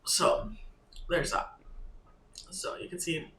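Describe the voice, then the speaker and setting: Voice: medium pitch, very animated, gravelly, a bit bright, a little hiss or hum. An online creator coaching viewers through a website setup in a casual screen-share tutorial, talking loosely and thinking aloud. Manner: loose and halting, thinking aloud while clicking through steps. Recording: echoey room with faint ambience.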